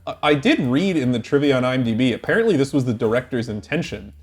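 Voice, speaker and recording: A man co-hosting a casual film-review podcast, blunt and opinionated, laughing often between quick remarks. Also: mid-range voice, expressive, soft background music. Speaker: podcast co-host.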